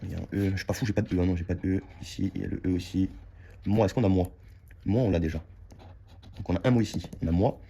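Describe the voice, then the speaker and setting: A man's voice: sits low, fairly even intonation, quick pace, creaky, warm tone, slightly rough. A man giving casual running commentary to his viewers while scratching lottery tickets, repeating words as he checks them. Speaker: scratch-card vlogger.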